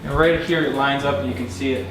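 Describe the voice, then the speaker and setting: Middle-aged male homeowner, average pitch, unscripted and down-to-earth, roomy acoustic, music underneath. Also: fairly even intonation, fast. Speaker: homeowner and furniture maker. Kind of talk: casual, unscripted house tour explanation. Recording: roomy echo, background music.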